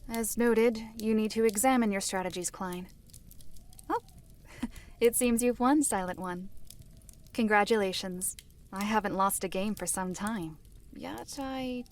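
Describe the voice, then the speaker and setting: For a fantasy visual novel audio drama, a woman plays a reserved, composed female storyteller, lightly acted. Her medium-pitched delivery is measured, formal and precise, with a dry, stern edge.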